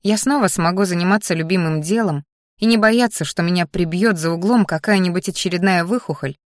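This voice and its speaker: A woman narrating a first-person fantasy audiobook in a lively, wry storytelling manner. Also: on the low side, a little fast, dry recording. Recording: dry close audiobook recording.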